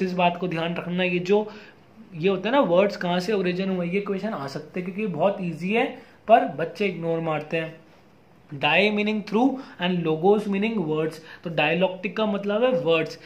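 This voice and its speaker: A young adult man teaching an exam-prep lecture in a casual mix of Hindi and English, reading out English definitions slowly. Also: high-pitched.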